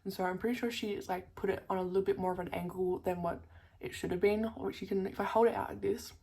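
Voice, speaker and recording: A woman's voice: mid-range voice, steady tone, fast, darkish tone, breathy edge. A young woman chatting casually to camera as a vlogger, full of fillers and casual swearing, her speech a little thick from a new tongue piercing.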